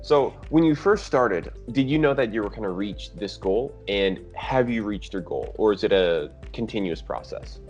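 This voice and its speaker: A male interviewer with a fairly low voice puts short, direct questions to his guest. His sound is dull and lo-fi. Faint music plays underneath. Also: animated, normal speed, few pauses, a little mellow.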